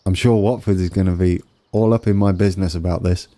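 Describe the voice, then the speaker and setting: A man's voice: deep voice, fairly even intonation, fast talker, mellow. A man with a wheezy, congested voice giving casual commentary on a game build, tentatively thinking aloud as he goes. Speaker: gaming video host.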